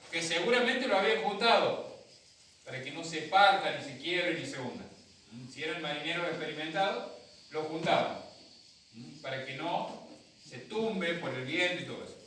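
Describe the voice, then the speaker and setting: Argentine pastor in an echoey church. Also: male voice, on the high side, animated, moderate pace, sharp tone, slight background noise. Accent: Argentine Spanish. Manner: storytelling, acts out voices, talks with the congregation. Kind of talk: sermon. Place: church hall. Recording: echoey hall from a distant mic.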